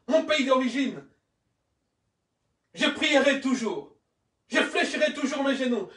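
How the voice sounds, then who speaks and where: A man from Congo preaching an impassioned sermon as a pastor, fervent and often shouting in repeated declarations. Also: very high-pitched, reverberant, recorded from a distance. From Congo (DRC).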